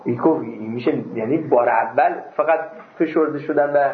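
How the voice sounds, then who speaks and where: Over crowd noise, a mid-range male voice reads Arabic text to a seminary class. He explains the material by asking and answering questions and now and then jokes with students. The classroom audio is dull and echoey.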